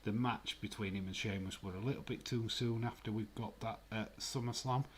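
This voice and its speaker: A man's voice: lowish voice, steady tone, a little fast, slight background noise. A man with a Yorkshire accent hosting a live stream, chatting casually and teasing his chat, laughing often and sometimes dropping to a near whisper. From Yorkshire, England.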